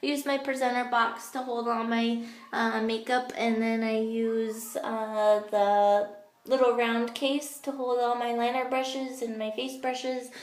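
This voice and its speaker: A childish-sounding woman with a fairly high pitch and little pitch movement talks a little slowly through a casual, chatty training session for her sales team. She leads a direct-sales makeup team and fills her speech with ums and you-knows. It's recorded on an old smartphone in her echoey home bathroom.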